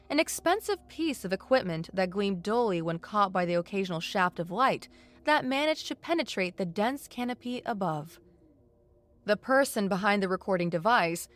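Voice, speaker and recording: A woman reading a science fiction story as narrator, in a measured descriptive storytelling manner. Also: medium pitch, fairly bright tone. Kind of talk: scripted narration.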